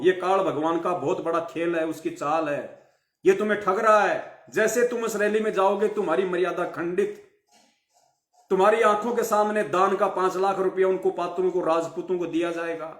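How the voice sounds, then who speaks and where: A man with a light tinge to his preaches fiercely, berating his listeners and repeating phrases for emphasis. His voice sits high for a man. The recording has a roomy echo around it. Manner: scolding, rhetorical questions, repeated emphatic phrases. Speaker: devotional live speaker. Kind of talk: fiery devotional sermon.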